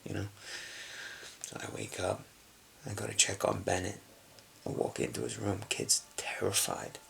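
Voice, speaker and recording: A man playing a gravelly hushed tough guy. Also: slight background noise, heavily acted. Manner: hushed, low confessional storytelling, often near a whisper. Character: hardened adult man from a rough Brooklyn upbringing. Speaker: actor. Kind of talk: dramatic film monologue.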